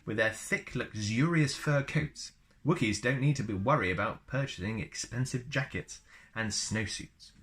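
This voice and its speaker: He reads at a normal speed in a mid-range, fairly bright voice, narrating a book as a storyteller. The tone is chatty, and he often veers into casual asides of a personal nature.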